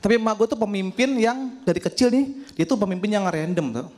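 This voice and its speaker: A man's voice: sits high, brisk. A young man with a Jakarta accent performing a stand-up routine on stage, telling stories with sudden jumps in voice for the punchlines. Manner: animated storytelling, voice jumps up for punchlines. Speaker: stand-up comedy contestant. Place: stage before a studio audience.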